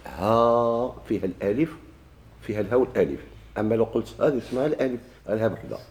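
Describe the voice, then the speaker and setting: The grammar lesson is led by a man with a Moroccan Arabic accent whose mid-range voice is expressive, a little mellow and racing. Walking the classroom through a grammar text, he answers his own questions and keeps returning to key words.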